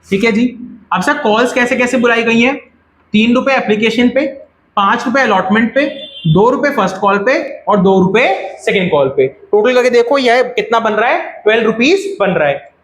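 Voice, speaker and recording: A man's voice: extremely high pitch, normal speed, a bit bright, slight background noise. Echoey male teacher quizzing his class. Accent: Indian. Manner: asks the class questions and repeats the answers. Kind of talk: classroom lecture.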